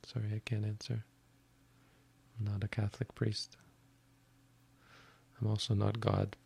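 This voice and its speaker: Low, flat-voiced, gravelly monk. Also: male voice, measured pace. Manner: frank and matter-of-fact, with dry self-deprecating humour. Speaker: Buddhist monk teacher. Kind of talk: live question-and-answer session.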